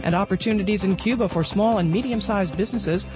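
A man's voice: high-pitched, fast talker. A man reading scripted business and policy news as a radio reporter. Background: clear music bed.

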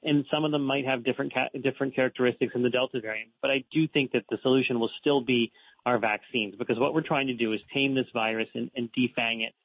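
Male expert interviewee, very quick explanatory talker, thin phone-like sound. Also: mid-range voice, steady tone, no echo. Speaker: medical expert guest. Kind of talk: live interview answers. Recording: narrow radio phone-like line.

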